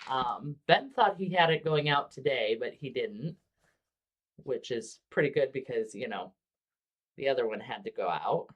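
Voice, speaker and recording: A woman hosting a casual livestream about miniature painting, relaxed and chatty with frequent ums. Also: rumbling low, unhurried, muffled recording.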